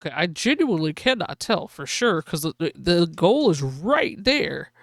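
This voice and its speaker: Lively excitable woman streamer. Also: lowish voice, moderate pace, vocal fry, no echo, clean studio sound. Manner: excitable, calls the race like a sportscaster. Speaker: livestream host. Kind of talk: live gaming stream commentary.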